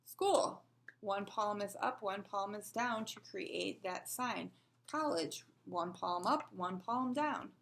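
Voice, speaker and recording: A woman's voice: medium pitch, slow pace, creaky, few pauses, a bit bright, slight background noise. A woman teaching a sign language lesson, patiently explaining and asking rhetorical questions as she demonstrates.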